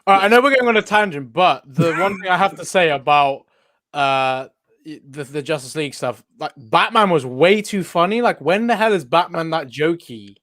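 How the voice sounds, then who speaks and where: A man's voice: a little high, lively intonation, normal speed, a bit bright, dry recording. Blunt man in a dry room. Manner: blunt, swears casually. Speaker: podcast co-host. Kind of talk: casual chat.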